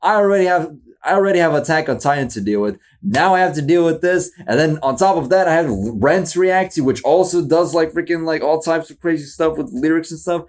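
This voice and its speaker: A man in casual reaction commentary, rambling and slangy, excitable and poking fun at himself. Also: a little high, fairly quick. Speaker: YouTube reactor.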